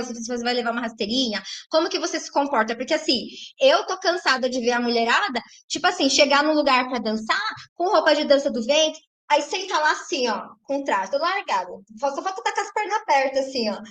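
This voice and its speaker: A woman with a Brazilian Portuguese accent, a belly dance teacher talking chattily to her viewers on a live stream, often tagging her sentences with "né?". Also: high-pitched. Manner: chatty, tags lines with "né?"; animated, reads viewers' chat messages aloud.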